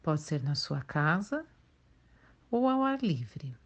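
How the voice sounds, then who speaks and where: A Brazilian woman leading a guided meditation in a soothing, gentle way, leaving long pauses. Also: deep voice, big pitch swings. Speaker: guided meditation instructor for children and teenagers.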